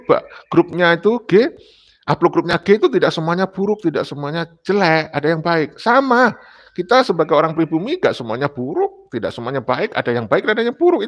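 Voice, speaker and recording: High-voiced emphatic lecturing man. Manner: emphatic, lecturing, repeats points. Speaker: panel speaker. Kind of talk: discussion talk.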